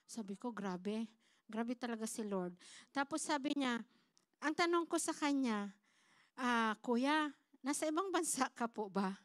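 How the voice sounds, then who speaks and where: Speaking unhurriedly with frequent pauses, this woman pastor has a highish voice and lively intonation. She gives her personal testimony in Tagalog with some English, addressing the church as "mga kapatid" and acting out quoted lines. The recording is dry, with a clean studio sound.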